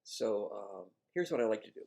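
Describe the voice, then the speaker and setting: A man working as an addiction counselor, coaching a patient one-on-one in a gentle, coaxing, self-mocking way. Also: lowish voice, expressive, moderate pace, gravelly.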